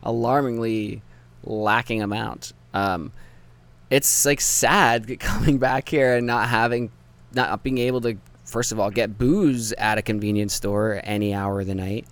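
A man's voice: lowish voice, fairly even intonation, measured pace. A man hosting a podcast in casual chat, laid-back, laughing often and trailing off mid-sentence. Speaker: podcast host.

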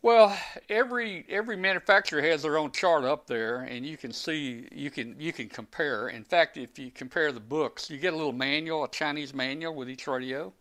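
A man's voice: on the high side, moderate pace, hardly any pauses, a bit bright. A man chatting live on a ham radio show, rambling through technical explanations with many restarts. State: out of breath. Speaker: guest ham radio operator. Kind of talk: casual live show chat.

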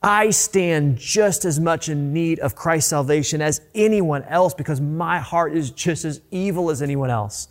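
A man's voice: fairly high pitch, measured pace, hardly any pauses. A man preaching a sermon as a pastor, earnest and conversational, often restarting his phrases.

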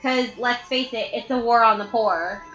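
A woman's voice: a little high, normal speed. A woman co-hosting a podcast in casual chat, rambling through stories with many fillers and curses. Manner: rambling, full of "like" fillers, swears. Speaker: podcast co-host. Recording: roomy, dull sound. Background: music.

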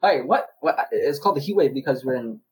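A man's voice: mid-range voice, lively intonation, fairly quick, a little mellow, breathy edge, rough recording. A young man co-hosting a casual podcast chat, laid-back and teasing, with stammering restarts. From Arizona, US. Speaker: podcast co-host.

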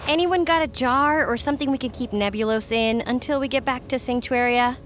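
A woman voicing a sensible, practical young girl hero in an animated adventure. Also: high voice, a little fast, soft background music. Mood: brisk, practical. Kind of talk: animated adventure cartoon acting.

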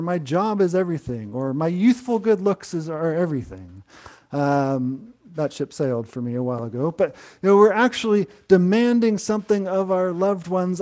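Mellow-voiced pastor preaching gently. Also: male voice, high-pitched. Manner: gentle, conversational preaching with frequent restarts. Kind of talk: sermon to an online congregation.

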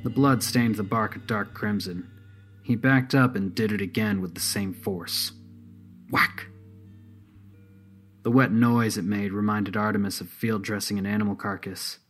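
A man narrating a scripted story in a steady, measured way. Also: lowish voice, faint music behind.

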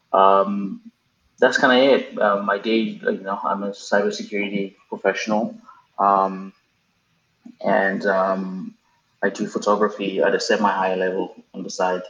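Unhurried and level, a low, slightly bright male voice belongs to a Cameroonian podcast guest in his thirties. He tells his story in a relaxed way, full of ums and restarts, captured in a dull, roomy remote recording with some faint noise.

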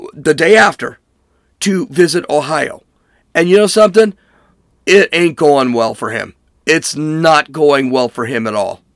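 A man's voice: sits high, no room sound, clean studio sound. A man giving angry, emphatic political commentary, hammering points through repetition. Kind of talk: ranting commentary.

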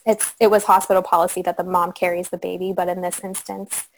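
A young woman guest on a podcast interview, speaking softly and reflectively with frequent pauses and fillers. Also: on the low side, flat delivery, poor audio. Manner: soft, reflective, many fillers. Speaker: guest sharing her story. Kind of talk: conversational interview.

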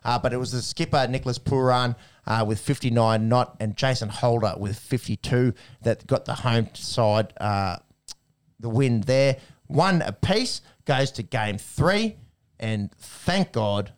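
A man's voice: mid-range voice, a little slow, smooth. A man with an Australian accent hosting a casual sports chat in a blokey, slangy way. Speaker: sports podcast host.

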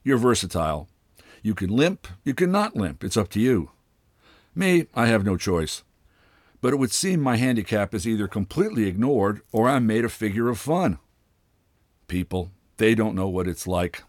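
A man voicing a bitter, pompous old father with a wooden leg, speaking with sardonic, drawn-out mockery in a storybook reading. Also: fairly low pitch, very animated, no echo, clean studio sound. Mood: scornful.

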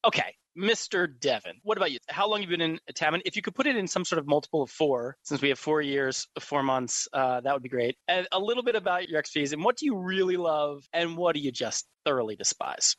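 A man's voice: on the high side, expressive, fast, hardly any pauses, a bit bright, no room sound. A man hosting a podcast, asking questions and teasing his guests in a joking way. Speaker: podcast host. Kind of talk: casual podcast chat.

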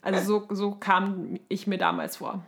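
Gravelly-voiced woman co-hosting a casual podcast. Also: mid-range voice, steady tone, normal speed. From Germany. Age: 30s. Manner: colloquial, anecdotal, peppered with English terms. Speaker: podcast co-host. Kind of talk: casual conversational podcast chat.

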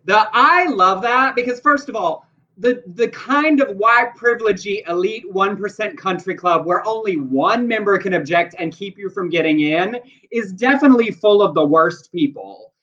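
Man, high voice, bright and forceful, emphatic chat, muffled recording. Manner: quick, emphatic, indignant. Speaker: podcast host. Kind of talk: casual chat. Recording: dull lo-fi sound.

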